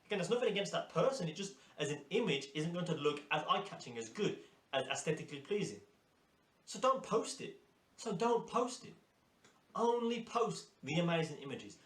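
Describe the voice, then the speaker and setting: A man with a somewhat high voice delivers a motivational course lecture to hairdressers. He talks emphatically and drives points home by repeating phrases. The room around him is roomy and echoey. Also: fairly bright tone. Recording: roomy echo.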